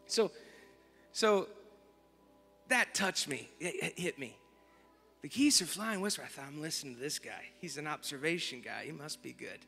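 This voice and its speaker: A bright, high-voiced man preaching in a big church hall, with a long reverb trailing his words. He tells his story gently, dropping to near-whispers, then rises to fervent exclamations over soft music. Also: expressive, normal speed, gravelly, long pauses, breathy edge. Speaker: worship leader. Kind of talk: storytelling sermon. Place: large church auditorium.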